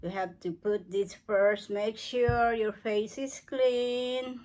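A woman in her seventies giving an unscripted beauty tutorial at home, speaking slowly and often searching for words. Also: a little high, steady tone, a little mellow. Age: 70s. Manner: slow, searching for words, non-native phrasing. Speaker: craft and beauty vlogger. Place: cluttered living room at home.

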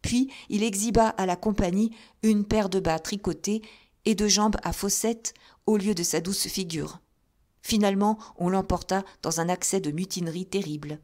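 A woman narrating an audiobook of a classic novel in an even, measured storytelling manner. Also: mid-range voice. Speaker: audiobook reader.

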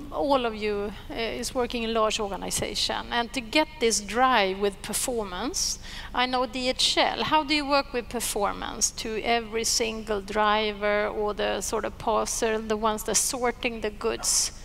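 A woman moderating a conference panel, putting brisk questions to the panelists. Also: a little high, steady tone, gravelly, fairly bright tone, a little hiss or hum. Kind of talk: panel discussion. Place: conference stage.

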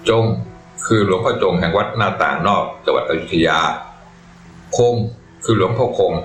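A man narrating a Buddhist monk's life story in a calm, measured, reverent way. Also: low voice. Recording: echoey room with faint music. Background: faint music.

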